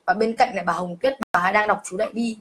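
A woman's voice: mid-range voice, fairly even intonation, quick pace, fairly bright tone. A young woman, emotionally telling her own ghost story on a live stream and calling herself by name. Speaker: livestreamer. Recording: faint background noise.

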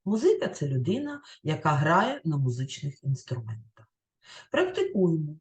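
A woman teaching a recorded lesson over slides, her pitch rising and falling a lot as she explains. She speaks in a clear, carefully enunciated way and reads lists out slowly, word by word. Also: huge pitch swings, a little mellow.

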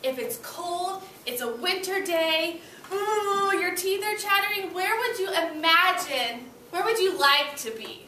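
A high-voiced elementary teacher reads to young children in an echoing classroom, animated yet measured, with few pauses. She encourages them using brief, simple phrases, and the far camera picks up loud noise in the room.

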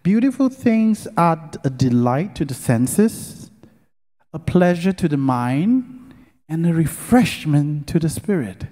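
Taking his time in a sing-song, warm voice on the high side, a middle-aged man gives a sermonlike talk at a church lecture concert. He guides the audience through call-and-response and earnestly stretches key words, the large worship hall lending long reverb.

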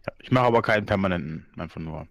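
A man's voice: deep voice, very fast, gravelly, a bit bright. A man in his thirties playing a tabletop game, chatting partly in character on a video call. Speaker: tabletop role-play player. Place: room at home, video call.

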